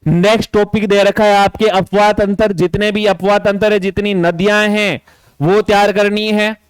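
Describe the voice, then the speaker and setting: Exam tutor, male, high clear voice, lists topics and repeats instructions. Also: little pitch movement, moderate pace, no room sound. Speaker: exam coaching teacher. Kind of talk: syllabus walkthrough lecture.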